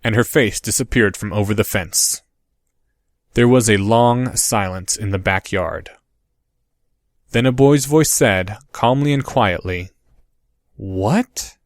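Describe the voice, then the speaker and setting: Steady male audiobook narrator. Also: on the low side, no echo. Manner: steady, measured reading.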